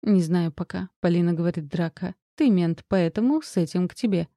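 Woman reading a blunt brisk sister. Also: lowish voice, dark tone, dry recording, clean studio sound, natural voice.

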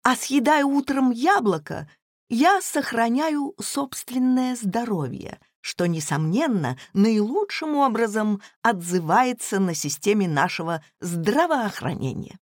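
A woman voicing a prim, calm governess in a read-aloud story, speaking in a measured, dry manner. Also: a little high, dry recording. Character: prim, unflappable governess woman, cool and precise.

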